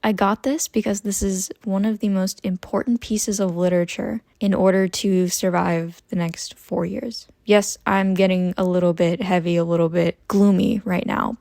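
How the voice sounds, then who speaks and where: A young woman in her twenties chatting casually about her book haul, expressive and prone to tangents. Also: mid-range voice, moderate pace, vocal fry, hardly any pauses, no echo. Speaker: book vlogger. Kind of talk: casual chat about books.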